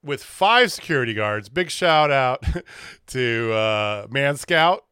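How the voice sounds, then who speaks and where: A man's voice: mid-range voice, takes it slowly, smooth, dry recording, clean studio sound. A man co-hosting a podcast, retelling a wrestling segment in casual chat, acting out quotes and laughing often. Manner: animated storyteller, laughs often, acts out quotes. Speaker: podcast co-host.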